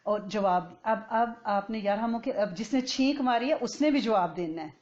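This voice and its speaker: A woman teaches a religious lesson in a conversational way, often pausing to ask "right?" and chanting Arabic phrases slowly and clearly. Her voice sits at a middle pitch for a woman. The recording sounds dull and lo-fi. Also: darkish tone. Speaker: Islamic teacher.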